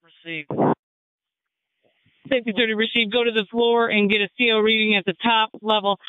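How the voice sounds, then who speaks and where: A man's voice: high-pitched, fairly even intonation, fairly quick, clear, resonant tone, no room sound. A man working as a firefighter safety officer, reporting over a two-way radio. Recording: tinny, narrow-band emergency radio channel.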